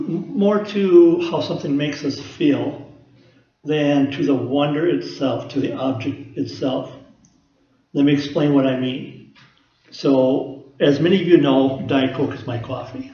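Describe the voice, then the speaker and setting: A man's voice: fairly high pitch, measured pace, dark tone, reverberant, highs cut off. A man preaching a conversational teaching sermon, explaining scripture with everyday personal examples. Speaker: pastor.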